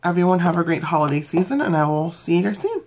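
A woman's voice: on the low side, lively intonation, fast, a little mellow, a little hiss or hum. A young woman giving a casual beauty product review, rambling with fillers and self-corrections. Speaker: beauty vlogger.

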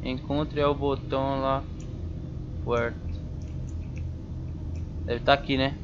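A man's voice: medium pitch, flat delivery, takes it slowly. A man giving casual, jumpy let's-play commentary on a horror game, talking back to the game in slang. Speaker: gamer playing a horror game. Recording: slightly dull home recording with faint noise.

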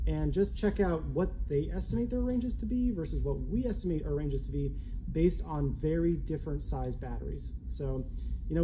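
Low, dark-voiced woman explaining bikes. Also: slight background noise, low-quality recording. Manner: matter-of-fact, explanatory. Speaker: bike company representative. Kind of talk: explaining products.

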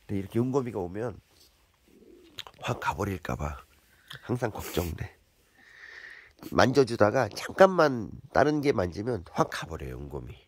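A man talking to his pets at home in a casual, coaxing way, chatting and scolding them gently. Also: fairly low pitch, sing-song, normal speed, long pauses, breathy edge. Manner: coaxing, talks to his pets in a sing-song voice. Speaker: pet vlogger.

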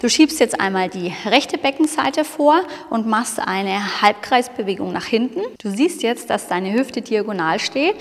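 A woman teaching a hip movement class, counting and cueing each move with encouraging words. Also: mid-range voice. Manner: encouraging, counts and cues the moves, often says "wonderful". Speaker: dance instructor. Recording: long hall reverb.

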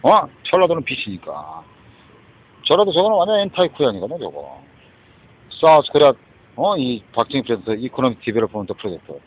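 A man's voice: mid-range voice, huge pitch swings, a little fast, breathy edge. A man ranting in a rambling, agitated monologue, often breaking off to prompt with a questioning "huh?" and mixing in English phrases, recorded outdoors. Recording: dull lo-fi recording.

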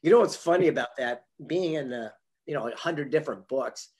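A husky, a little mellow, mid-range voice belongs to a motivational speaker and author in his fifties who talks a little fast with lively intonation. As an interview guest on a video call, he animatedly tells motivational anecdotes and acts out the dialogue from a home office with a memorabilia wall, using his computer mic.

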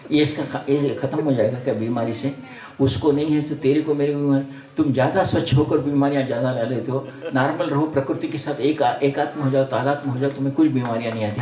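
Far off the microphone, in a roomy-sounding recording, an older spiritual teacher delivers a folksy sermon to a gathering. His voice is mid-range and a little mellow, and he switches between blessings and scoldings.

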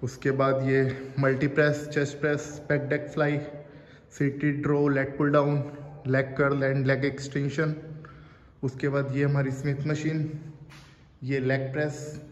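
A man's voice: mid-range voice, completely flat delivery, unhurried. A young man gives a casual walkthrough of his gym, chatting to viewers as brother and filming on a phone at arm's length. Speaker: gym owner and fitness vlogger. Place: large indoor gym. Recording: reverberant gym hall with faint ambient noise.

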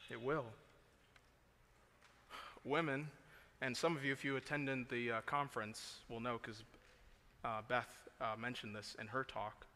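Man preaching with a bright voice in an echoing hall. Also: mid-range voice, steady tone, unhurried, long pauses. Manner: swings between quiet earnest talk and loud emphatic preaching. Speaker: pastor. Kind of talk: sermon. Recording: long hall reverb.

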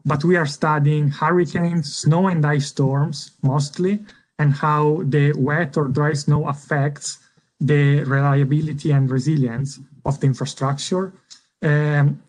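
A man with a fairly high voice introduces himself on a video call, pausing often with fillers as he describes his work. His delivery is unhurried and a little halting. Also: darkish tone, poor audio. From Italy. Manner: hesitant, frequent uh fillers. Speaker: assistant professor. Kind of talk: online panel self-introduction.

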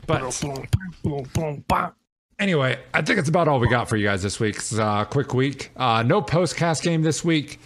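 A man in a relaxed gaming podcast, talking in a medium-pitched voice with loose, joking delivery. He mumbles at times and loses his train of thought, then picks the thread back up. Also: fairly quick, hardly any pauses. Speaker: podcast host. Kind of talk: casual gaming podcast chat.

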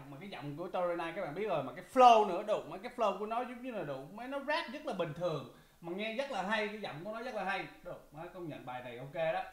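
A man hosting a reaction video, exclaiming often, laughing and repeating lines from a rap song. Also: sits high. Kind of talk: excited reaction commentary. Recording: echoey room with music playing. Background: hip hop music.

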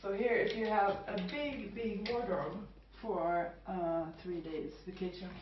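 A woman's voice: mid-range voice, steady tone, a little slow, noisy background. A young woman chatting casually in a travel vlog, playful and dryly teasing. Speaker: vlogger. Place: holiday apartment indoors, then outdoors in a windy forest. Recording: roomy, distant, dull camera audio.

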